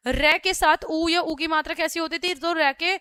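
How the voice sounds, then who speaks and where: Bright-voiced woman teaching a grammar lesson. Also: extremely high pitch, steady tone, normal speed, no room sound, clean studio sound. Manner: patient, explains step by step, often says "theek hai". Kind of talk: Hindi grammar lesson for young children.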